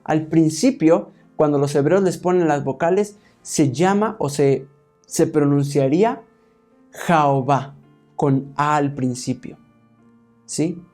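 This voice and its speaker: Guy giving a bible lesson sermon, mellow dark voice, keeps asking "right?", soft music under it. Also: fairly high pitch. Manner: explains step by step, asks the congregation "¿sí?"; addresses listeners as "hermanos". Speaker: preacher.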